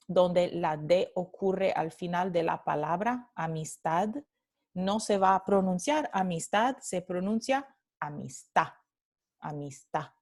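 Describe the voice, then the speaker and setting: A woman's voice: fairly low pitch, darkish tone. A woman teaching Spanish phonetics in a recorded lecture, moving between Spanish and English and repeating example words to model how they sound. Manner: explains slowly, switching between Spanish and English. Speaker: Spanish language instructor.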